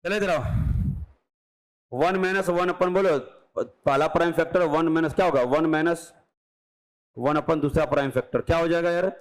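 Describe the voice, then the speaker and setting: This exam-prep math lecture comes from a male teacher with a slightly high voice, captured on a low-quality recording. Brisk and coaxing, he frequently acts out his students' questions and answers them.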